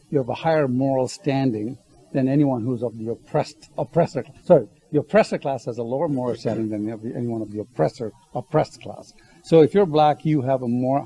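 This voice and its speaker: A man with a gravelly, dark voice explains his points earnestly as a panel guest. He grew up in Ghana and often stops mid-sentence to correct his wording. His delivery is steady, with a low, rough edge. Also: poor audio. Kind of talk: panel discussion.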